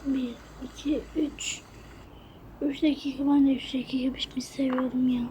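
A woman narrating a game role-play in soft, half-whispered asides. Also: high voice, level tone, normal speed, a little hiss or hum.

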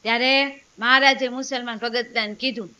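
Bright-voiced woman storyteller. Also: fairly high pitch, fairly even intonation, normal speed, clear, resonant tone. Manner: storytelling with quoted dialogue. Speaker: devotional storyteller. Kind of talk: religious story narration.

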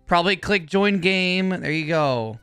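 A man streaming a party game with friends, teasing and laughing loudly. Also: high-pitched, animated, unhurried, clean tone, dry recording, faint music behind. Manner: loud, teasing, laughs often. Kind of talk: casual gaming chat with friends.

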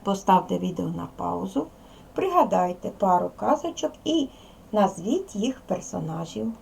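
A woman's voice: mid-range voice, big pitch swings, normal speed, vocal fry, mellow, slight background noise. A woman teacher giving a recorded lesson to young children, asking questions and answering them patiently.

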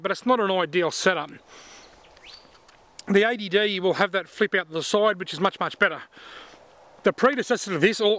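A man's voice: high voice, a bit bright. A man, chatting outdoors in bushland as he reviews a camera, explaining step by step into a camera-mounted mic. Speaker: fishing vlogger reviewing a camera. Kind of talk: casual product review to camera. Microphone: camera-mounted shotgun mic.

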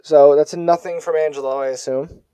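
A man's voice: on the high side, fairly even intonation, fairly quick, mellow, clear, resonant tone, no echo. A young man hosting a podcast, chatting casually and slangily with his friends. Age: young adult. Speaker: podcast host. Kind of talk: casual chat among friends.

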